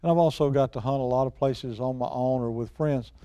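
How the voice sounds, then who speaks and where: A man's voice: mid-range voice, a little fast, warm tone, clear, resonant tone, dry recording, lo-fi sound. A middle-aged or older man, talking casually and telling hunting stories in a folksy, plain-spoken way. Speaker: guest expert and outdoors show personality. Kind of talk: casual hunting talk and storytelling.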